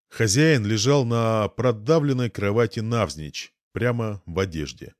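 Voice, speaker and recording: A man's voice: on the low side, no room sound, studio quality. A man narrating an audiobook expressively, acting out the dialogue.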